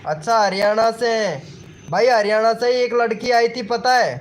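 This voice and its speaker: A strikingly high-pitched man hosts a casual live stream. He reacts to viewers' comments with excited, repetitive chatter and addresses everyone as brother. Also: normal speed.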